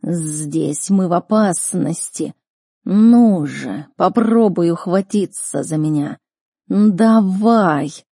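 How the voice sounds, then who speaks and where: Woman doing a magical royal leopard, slow deliberate urging, dark mellow tone, dry close audiobook. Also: high voice, creaky, no echo, heavily acted. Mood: urgent. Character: royal snow leopard, calm but urgent.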